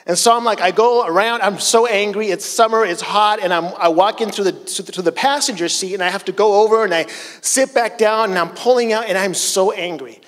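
High-voiced man preaching in a reverberant hall. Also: a little fast. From Chile. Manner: conversational, self-deprecating storytelling. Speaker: pastor. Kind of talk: casual sermon with personal stories. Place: church stage, large hall. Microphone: handheld mic. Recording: long church hall reverb.

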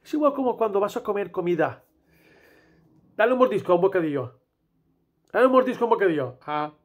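A man's voice: high-pitched, lively intonation, fast, highs cut off. A man from Spain with a Spanish accent, a tenor teaching a casual singing lesson and singing vocal exercises between explanations.

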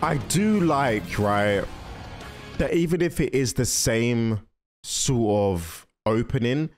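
This young man speaks at medium pitch, animated yet slow. Hosting a reaction video from a desk in a small indoor room, he offers casual, slangy thoughts into a close mic on an arm, wearing headphones, with cartoon intro music audible in the background.

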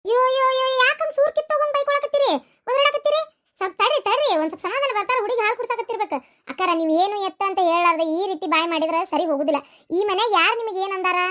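Soothing cartoon housewife. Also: female voice, extremely high pitch, racing, fairly bright tone. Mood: placating. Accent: North Karnataka Kannada. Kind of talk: cartoon voice acting.

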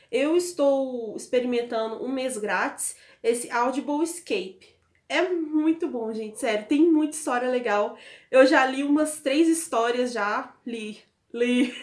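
A woman's voice: high voice, darkish tone. A young woman from Brazil casually walking through an app on her phone, chatty and laughing often, speaking into an earphone mic at home. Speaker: book vlogger. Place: home room with bookshelves. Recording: echoey room.

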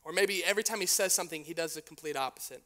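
A young man preaching a youth sermon in a casual, slangy style, telling an animated story that swings between hushed moments and excited shouting. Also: fairly high pitch, very fast. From United States. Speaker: youth pastor.

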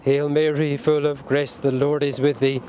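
A man leading a burial service outdoors at a cemetery, reciting the prayers in a solemn, measured way. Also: on the high side, flat delivery, a crowd in the background. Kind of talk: liturgical graveside prayer.

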